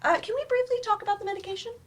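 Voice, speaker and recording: During a staged play reading in a noisy room, a woman plays a high-voiced therapist, a measured and supportive female doctor. Her tone stays steady even as she races along, caring and advising.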